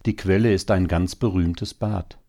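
A consoling male hare, wry and gloomy, speaking with low, deep calm, as a man reads him. His dark, mellow voice soothes while his words carry quiet bitterness, a storybook animal in a sober tale. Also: a little slow. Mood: bitter. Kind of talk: storybook reading.

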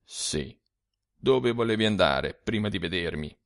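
A man voicing a sad, secretive dead old man who speaks low and confidingly. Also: expressive, unhurried. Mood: hushed.

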